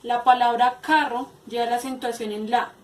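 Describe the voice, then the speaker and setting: A woman giving a spoken grammar lesson, explaining slowly with many hesitations and repeated words. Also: on the high side, fairly even intonation. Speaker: teacher. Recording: echoey room, far from mic.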